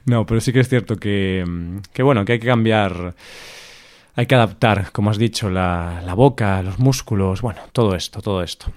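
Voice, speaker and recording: A man's voice: on the low side, normal speed. A man from co-hosting a casual chat podcast, musing aloud about how Spaniards say English words, with easy fillers. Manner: relaxed, thinks aloud with fillers. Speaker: podcast co-host.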